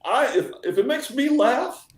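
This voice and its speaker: A man's voice: very high voice, animated, unhurried. Earnest man cartoonist in an echoey room. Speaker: editorial cartoonist. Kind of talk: casual chat. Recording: roomy echo.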